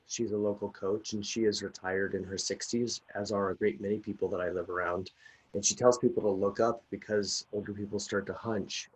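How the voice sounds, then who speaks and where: Husky-voiced man chatting on a video call. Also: on the low side. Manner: chatty, rambling, laughs often. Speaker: guest executive coach. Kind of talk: casual video-call conversation. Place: home.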